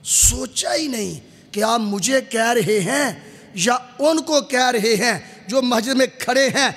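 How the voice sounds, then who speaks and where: A Punjabi-accented man delivers a fervent sermon in a strikingly high voice. He drops to a hushed storytelling tone, then surges into shouted peaks and chants verses slowly. His voice rings out with the long reverb of a large hall. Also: expressive, husky. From Pakistan. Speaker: Islamic preacher. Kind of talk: impassioned sermon.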